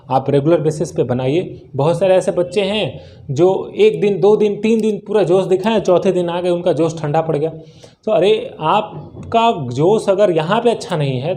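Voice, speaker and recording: A man from India teaching an English lesson in Hindi, explaining words slowly, with many rhetorical questions and English words mixed in. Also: high-pitched, warm tone.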